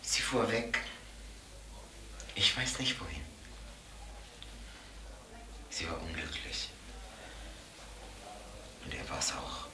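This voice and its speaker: A witness in a TV crime drama who tells what happened in a very low, near-whispered voice. She speaks slowly and sounds set back in an echoey room. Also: sing-song, noisy background, full character voice. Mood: hushed. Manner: quiet, hushed recollection. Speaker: narrator recalling events.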